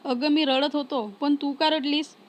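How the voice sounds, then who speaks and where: A woman reading the lines of a tender young man in a storybook romance, in a soft, even way. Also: sits high, a little slow.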